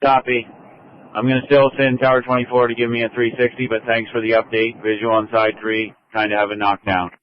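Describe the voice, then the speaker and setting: A man's voice: mid-range voice, level tone, brisk. A man working as a fire incident commander on a two-way radio, giving procedural dispatch traffic and repeating reports back. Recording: muffled lo-fi fire radio transmission.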